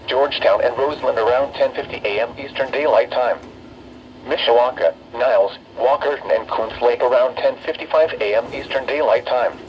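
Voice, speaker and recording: Over dull, noisy weather radio audio, a medium-pitched synthetic male voice delivers formal emergency weather bulletins. It's an automated text-to-speech announcer, reading in an impersonal, measured manner with clipped phrasing that sounds like a list.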